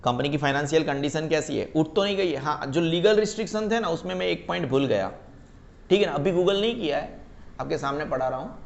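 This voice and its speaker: A man teaching a class, reading English terms out slowly and checking that his students follow, calling them beta. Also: on the high side, expressive, gravelly, lo-fi sound. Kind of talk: class lecture.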